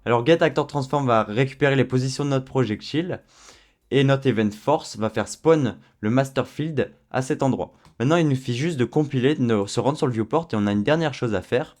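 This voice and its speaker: A man walking viewers through a software tutorial in a relaxed, chatty way, with frequent fillers. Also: mid-range voice, fairly quick. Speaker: tutorial host. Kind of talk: screen-recorded software tutorial.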